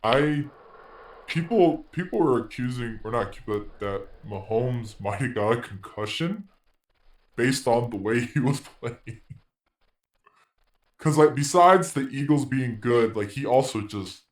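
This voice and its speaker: A man co-hosting a casual podcast chat, laid-back and quick to laugh, a little defensive. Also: mid-range voice, lively intonation, reverberant. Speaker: podcast co-host.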